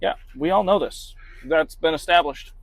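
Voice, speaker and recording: A man's voice: on the high side, normal speed, vocal fry, no room sound. A truck driver talking casually to his camera while he works, in a laid-back, chatty way with casual swearing. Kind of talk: casual vlog narration.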